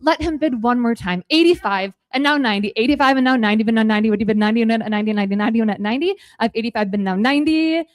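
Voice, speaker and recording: A woman's voice: a little high, rapid-fire, hardly any pauses, no room sound, studio quality. An American woman working as an auctioneer, calling bids in a rhythmic, repetitive chant of numbers. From Minnesota, United States. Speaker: contestant auctioneer.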